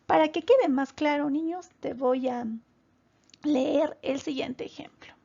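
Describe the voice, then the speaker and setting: High-pitched lady teacher going slow over grammar for kids, a bit gravelly, dull lo-fi sound. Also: warm tone. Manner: slow, deliberate, addressing children directly. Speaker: primary school teacher. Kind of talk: recorded grammar lesson for children.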